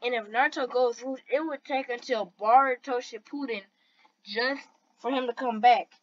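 A woman's voice: a little high, normal speed. A woman hosting a reaction video with casual commentary. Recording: dull lo-fi audio with background noise.

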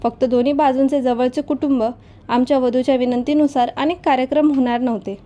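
A woman narrating a storybook tale in the first person with a steady, even reading. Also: high voice, brisk, lo-fi sound.

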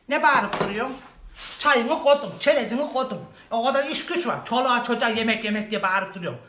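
A performer playing an overworked, sharp-tongued young bride in a comic sketch, fast and scolding. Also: mid-range voice, natural voice. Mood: exasperated. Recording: roomy echo.

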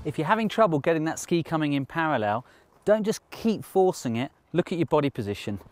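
A middle-aged man gives a ski lesson to camera out on the slopes. His voice sits slightly higher than average for a man. He instructs in a reassuring, encouraging way. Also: big pitch swings, brisk, faint music behind. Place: outdoors on a snowy mountain ski slope.

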